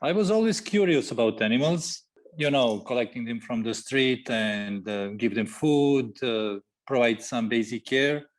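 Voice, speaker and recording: A man, a guest veterinarian on a podcast interview, speaking haltingly with many fillers and grammar. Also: mid-range voice, lively intonation. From Serbia. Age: 40s.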